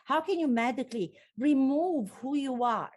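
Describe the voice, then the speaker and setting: This high-pitched, somewhat dark female voice moves at normal speed with lively intonation. She is Romanian, speaks with a Romanian accent, and works as a podcast host and acting coach, talking expressively while conducting an interview.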